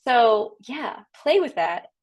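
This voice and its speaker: A woman's voice: fairly high pitch, sing-song, takes it slowly. A woman who is a trained soprano, coaching a group over a video call in a chatty, upbeat, encouraging way with casual fillers. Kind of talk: online voice workshop instruction.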